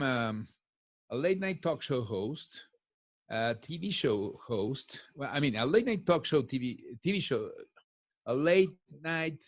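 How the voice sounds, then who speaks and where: The sound is dry and of studio quality, though it comes from headphones on a video call in a home office. A fairly high-pitched, talkative middle-aged man, a native Spanish speaker, is a guest in a relaxed podcast chat, piling restart on restart.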